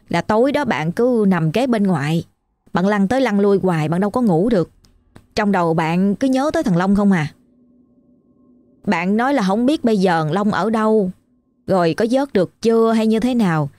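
A woman's voice: mid-range voice, lively intonation, moderate pace, a little mellow, no room sound. A woman narrating a ghost story in a colloquial, exclamatory way.

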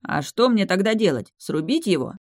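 A woman's voice: mid-range voice, sing-song, normal speed, a little mellow, no room sound, studio quality, pitched above the performer's own voice. A woman voicing a brash, cheeky young male dragon in an audiobook, blunt and matter-of-fact. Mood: puzzled. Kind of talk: audiobook character voice.

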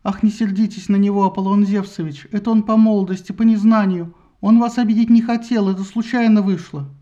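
A man's voice: high voice, normal speed, dark tone, lo-fi sound, close to an everyday voice. A man voicing a fussy goddess mother who scolds her son and fawns to a god, in a satirical audiobook. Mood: fawning. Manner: scolding shrilly, fawning to superiors.

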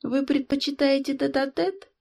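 A woman's voice: high-pitched, steady tone, moderate pace, creaky, a little mellow, pitched above the performer's own voice. A woman doing a teasing, imperious young princess.

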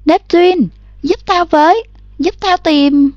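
A woman voicing a frightened young girl who pleads in a high, urgent, breathless way. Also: takes it slowly, darkish tone, dry recording, dull audio.

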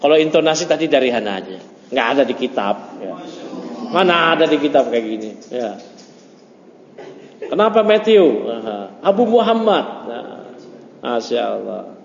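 A man's voice: medium pitch, normal speed, creaky, pauses often. Guy teaching a grammar class, jokey and chatty, long echo, a bit muffled. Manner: joking, chatty, mixes Arabic terms into relaxed explanation. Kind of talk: informal classroom lesson. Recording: muffled echoey room recording.

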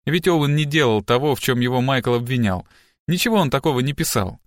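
A man voicing a distraught, sharp-tongued middle-aged wife and mother in an audiobook, with sharp, agitated outbursts. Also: mid-range voice, expressive, a little fast, no room sound, studio quality, close to an everyday voice. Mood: fretful.

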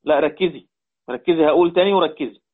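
A man's voice: on the high side, fast talker. A man with an Egyptian Arabic accent teaching a Quran recitation lesson. He repeats points and quizzes his students. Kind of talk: online lesson explaining readings. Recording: tinny phone-like line.

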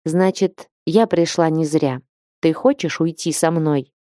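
Grimara, a woman doing a quiet creaky old witch. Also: low voice, fairly even intonation, unhurried, no room sound, clean studio sound. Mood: quiet, calm. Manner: speaks quietly. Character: old female witch herbalist, quiet and calm.

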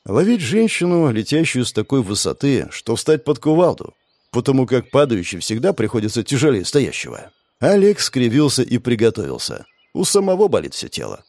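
A man narrating an audiobook in an expressive, lively storytelling manner. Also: mid-range voice, dry recording. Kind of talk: scripted narration.

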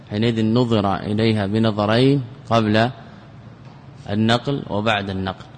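A man's voice: fairly low pitch, long reverb tail, slight background noise. A man giving a classical Arabic grammar lesson as a sheikh. He explains step by step, often repeats words, and asks questions that he then answers himself.

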